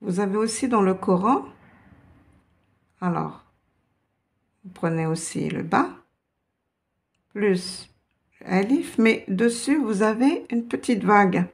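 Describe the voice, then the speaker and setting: Woman teacher, very slow pace, gravelly fry, patient beginner lesson. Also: medium pitch, expressive. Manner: patient, step-by-step explaining. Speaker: Arabic teacher.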